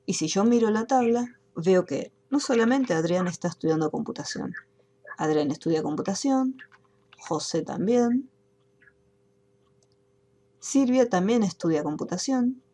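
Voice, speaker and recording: A woman teaching an online class, explaining software steps patiently one by one. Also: medium pitch, lively intonation, unhurried, long pauses. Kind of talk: screen-recorded software tutorial.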